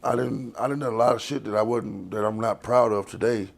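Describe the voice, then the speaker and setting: A man's voice: on the low side, fairly even intonation, fairly quick, gravelly. A man, telling his life story in a loose, rambling, profane way in an interview. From Texas. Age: 40s. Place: outdoors on the street.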